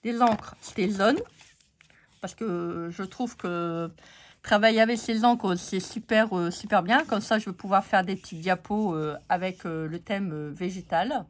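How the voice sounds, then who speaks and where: A woman's voice: medium pitch, measured pace. French lady with a strained, fading voice, chatty craft haul, lots of "euh". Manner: chatty, many fillers, talks to viewers. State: losing her voice. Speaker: craft channel host. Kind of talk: casual craft haul chat.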